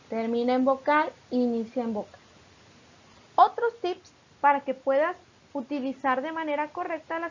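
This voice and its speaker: A woman from Mexico, a teacher narrating a recorded lesson, explaining patiently and reading examples slowly. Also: sits high, dull audio.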